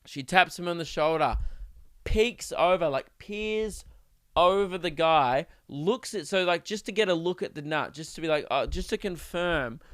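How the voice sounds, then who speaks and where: A man from Melbourne with an Australian accent, hosting his podcast and telling a comic story in an animated, slangy way. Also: a little high, a little slow, no echo, studio quality. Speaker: podcast host, comedian.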